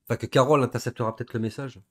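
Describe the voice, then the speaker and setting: A young man from southern France giving casual, slangy reaction commentary with excitable, laughing asides. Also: mid-range voice, very fast. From southern France, Gard area. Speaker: reaction video host.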